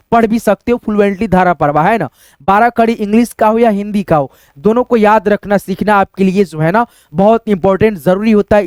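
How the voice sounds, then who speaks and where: A male teacher giving a casual writing lesson, explaining slowly step by step and asking questions that he answers himself. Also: high-pitched, clear, resonant tone, dry recording, studio quality. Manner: explains slowly and step by step, says "friends" often, asks then answers himself.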